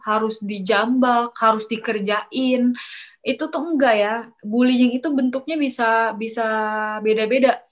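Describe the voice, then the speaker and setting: A young woman tells a long personal story in a relaxed, chatty way, her voice sitting a little on the high side. She talks loosely, with many fillers and restarts, and jumps up in pitch when she acts out what other people said. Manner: animated, acts out quoted coworkers with sharp rises. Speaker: storyteller sharing a work experience. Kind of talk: casual chat, confiding story.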